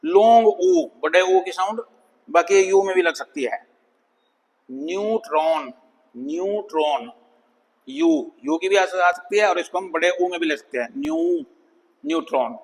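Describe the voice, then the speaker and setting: A man teaching an English phonics lesson, sounding out words slowly and repeating them for students. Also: sits high, husky, long reverb tail, poor audio. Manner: slow, drawn-out demonstration of words, calls students "bhai".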